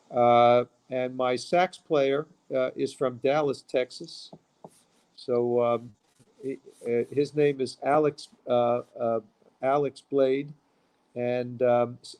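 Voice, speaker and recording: A man's voice: mid-range voice, darkish tone. A man from Queens, a musician talking casually as an interview guest. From Queens, New York.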